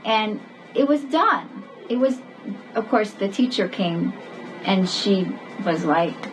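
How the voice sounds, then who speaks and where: A woman's voice: mid-range voice, lively intonation, slow, over music, low-quality recording. Earnest woman telling classroom stories. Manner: earnest storytelling, acting out quoted dialogue. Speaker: parenting educator. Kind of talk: webinar lesson with personal stories.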